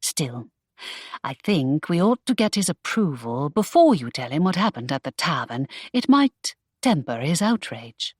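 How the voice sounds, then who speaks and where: A woman narrator voicing a spirited, earnest young gentlewoman in love, bright and playful. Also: low-pitched, big pitch swings, a little slow, husky, dry recording, studio quality, pitched below the performer's own voice, exaggerated voice.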